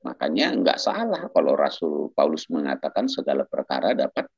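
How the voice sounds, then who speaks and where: In a relaxed talk-show conversation, a man who works as both a doctor and a church minister shares the story of his faith, lively and chuckling as he quotes other people. His voice is extremely low and husky with vocal fry, at normal speed, and the recording sounds muffled.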